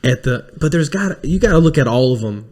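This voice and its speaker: A man co-hosting a casual podcast chat, animated and swearing freely as he riffs. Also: fairly high pitch, fast. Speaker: podcast co-host.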